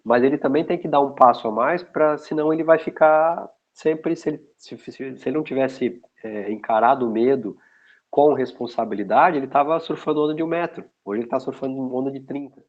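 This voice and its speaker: A logistics specialist from São Paulo, Brazil, speaks with a São Paulo Portuguese accent as a guest in a casual online interview, rambling and often restarting. His voice is medium-pitched and fairly quick, and the recording sounds muffled and lo-fi.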